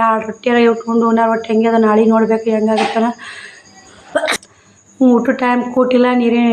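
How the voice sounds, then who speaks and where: A woman's voice: a little high, reverberant, background noise. A woman, talking plainly to her viewers in a casual daily-life vlog from her village home, repeating herself often. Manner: plain, repetitive, addresses viewers as friends. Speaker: vlogger.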